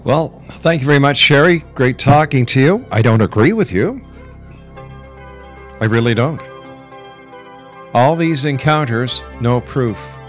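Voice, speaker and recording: On his radio talk show, a middle-aged host conducts an interview laced with argumentative commentary, pressing his points emphatically and repeating phrases for effect. His medium-pitched voice is unhurried, with long pauses, and faint music plays behind.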